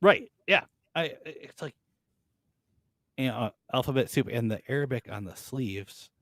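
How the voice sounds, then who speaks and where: A man's voice: medium pitch, expressive, unhurried, a bit bright, no room sound. A man co-hosting a casual, mocking chat, reading out listings and laughing often. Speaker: co-host.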